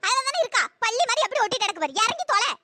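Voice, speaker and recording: A woman voicing squeaky cartoon village women, very high, lively swoops, noisy processed audio. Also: very fast. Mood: bickering. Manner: bickering rural banter, whiny and scolding. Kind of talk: cartoon voice acting.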